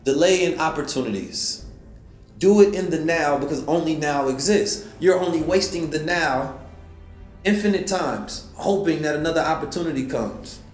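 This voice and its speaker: A man's voice: on the high side, darkish tone. Preaching man in a roomy space. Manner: preaching, with rhetorical questions. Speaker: host. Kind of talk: motivational talk. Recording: roomy echo with faint music.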